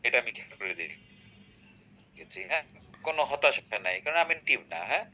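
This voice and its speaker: A man teaches a grammar class in a very bright, forceful voice. He keeps quizzing his student with quick tag questions. The recording is dull and lo-fi. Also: medium pitch, big pitch swings. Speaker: English teacher.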